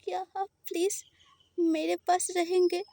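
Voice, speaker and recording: A woman's voice: very high-pitched, flat delivery, a little slow, dark tone, no echo, clean studio sound, pitched above the performer's own voice. A woman voicing a frightened, tearful young woman who pleads in a crying voice. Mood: tearful, pleading. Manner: sobbing, pleading voice.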